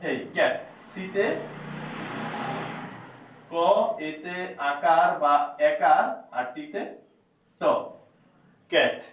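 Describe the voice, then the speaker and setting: Male tutor, slow and patient, repeats himself, distant lo-fi echoey recording. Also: sits high, slight background noise. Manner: slow, repeats each point several times. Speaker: teacher. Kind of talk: spoken lesson on reading letters. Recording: echoey, distant, dull lo-fi room sound.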